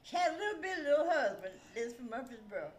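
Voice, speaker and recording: An older woman, a grandmother, tells stories in a casual, rambling chat, often trailing off mid-thought. Her voice is high-pitched and very animated, moving at a quick pace, and the sound is reverberant.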